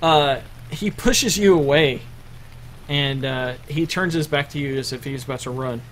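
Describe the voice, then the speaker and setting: A man running a tabletop role-playing game as game master, narrating the action in a halting way with many fillers and restarts. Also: medium pitch, a bit bright, a little hiss or hum.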